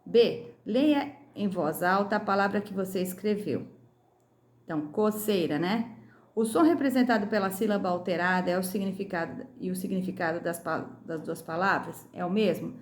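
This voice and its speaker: Brazilian woman teacher going over a workbook, slow and careful, echoey room. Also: mid-range voice, slight background noise. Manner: slow, clear, syllable by syllable. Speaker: primary school teacher. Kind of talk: recorded lesson correcting a workbook.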